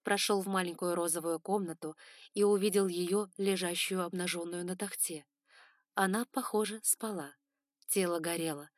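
A woman narrating a fantasy audiobook with steady, even storytelling. Her voice sits a little low and sounds dry and close, with no room echo. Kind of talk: scripted narration.

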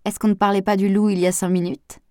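A woman reading a lively impulsive young woman. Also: medium pitch, fast, dry recording, studio quality, lightly acted.

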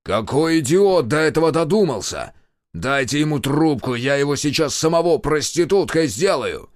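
A man's voice: medium pitch, wildly swooping pitch, unhurried, darkish tone, no room sound, studio quality, exaggerated voice. A man doing a roaring general in his fifties. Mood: commanding. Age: 50s. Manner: commanding, roaring. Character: roaring older male general on speakerphone.

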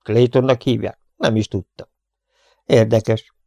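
Give me a cocky young gunslinger, read by a male narrator, relaxed and mocking, low gravelly voice, dry recording. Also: no echo. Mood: cool.

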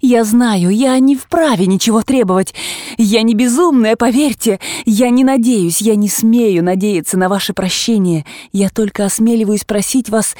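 A woman reader voicing a remorseful young wife who pleads slowly and tearfully with her husband, rising into high cries. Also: dark tone, no room sound, clean studio sound, natural voice. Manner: imploring, slow, breaking into high tearful cries.

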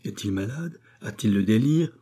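A man reading the part of a calm, resolute middle-aged doctor in an audiobook, measured and commanding. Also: on the low side, husky.

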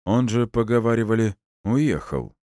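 A man voicing a drunk, foul-mouthed, hot-tempered middle-aged man who shouts and drags out his words. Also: on the low side, animated, dry recording, studio quality, pitched above the performer's own voice, lightly acted. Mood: furious, drunk. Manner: shouting, coarse, drawn-out words.

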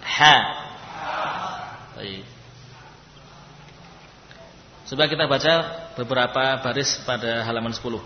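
A man teaching a class to read Arabic letters, who sounds them out loud and explains them patiently. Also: mid-range voice, slight background noise. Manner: patient, demonstrates letters loudly and slowly. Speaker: Quran reading teacher. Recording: echoey hall, dull lo-fi sound.

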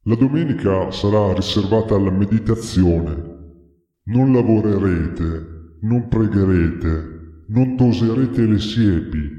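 A man voicing an imperious leader who talks to the crowd as if he were a god, commanding and deliberate. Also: fairly low pitch, warm tone, muffled recording. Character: imperious self-made godlike male leader addressing crowds. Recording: long echoey hall reverb.

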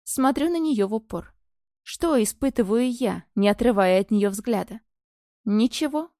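Calm, mellow woman narrating an audiobook. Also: fairly high pitch, no echo, clean studio sound. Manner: calm, measured, detached delivery. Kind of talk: scripted first-person audiobook narration.

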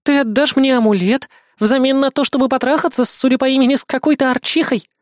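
A man's voice: very high-pitched, fairly even intonation, fast talker, no room sound, studio quality, voice pushed up. A man voicing a spoiled, capricious young female devil-elf in an audiobook, with a whiny, squealing, bossy manner. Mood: scornful.

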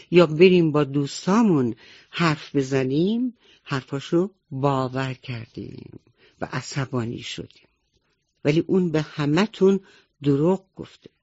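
A woman voicing a wise little mouse who calmly reasons and makes peace in a children's radio story. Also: sits low, no room sound. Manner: calm, reasoning, explaining. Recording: dull dry old radio recording.

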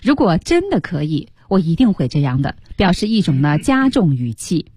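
A woman teaching English on a radio lesson, with a mellow, warm tone and a pitch that moves a lot. She breaks down song lines and hums the tune between explanations. The studio sound is close and dry. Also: sing-song, moderate pace, slightly rough, dry recording. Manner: explains lyrics, hums and sings the melody in snippets.

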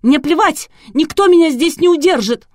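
A woman's voice: on the high side, moderate pace, warm tone, no room sound, clean studio sound, voice pushed up, close to an everyday voice. A woman voicing a hysterical, furious bride who shrieks at everyone, in an audiobook.

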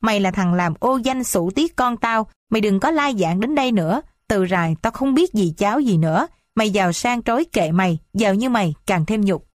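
A woman's voice: mid-range voice, lively intonation, brisk, hardly any pauses, no echo, clean studio sound, natural voice. Woman reading as emotional older noble mother. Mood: furious. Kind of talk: audiobook character reading.

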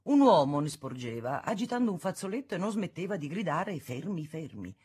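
A woman reading a classic novel aloud as an audiobook, in a measured, expressive narration. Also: lowish voice, slightly rough. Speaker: audiobook reader. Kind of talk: scripted literary narration.

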